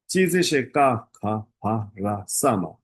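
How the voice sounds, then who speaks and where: Man, low voice, dry close sound, patient syllable drills. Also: animated, husky, dry recording. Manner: repeats syllables slowly for drilling, halting with fillers. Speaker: Tibetan language teacher. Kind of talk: online beginner lesson.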